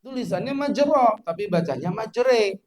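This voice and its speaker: A man preaching a mosque sermon in a lively, joking way, chanting short recitation examples. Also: high voice, measured pace, a crowd in the background.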